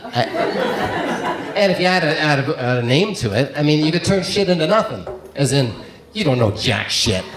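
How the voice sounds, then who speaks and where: A man from Canada works the room in a stand-up set, trading in deadpan one-liners with a raised, bright-sitting pitch. He is heard in an echoey comedy club. Loud crowd laughter surrounds his voice. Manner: deadpan one-liners with mock foreign phrases. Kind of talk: stand-up routine. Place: comedy club with live audience.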